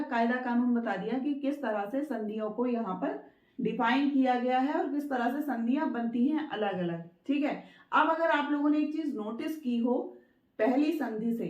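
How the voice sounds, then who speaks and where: A woman teaching Hindi grammar for exam preparation. She goes slowly, explains step by step and keeps checking in with her students. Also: fairly high pitch, a little mellow. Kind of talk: exam-prep grammar lesson. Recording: echoey room, dull lo-fi sound.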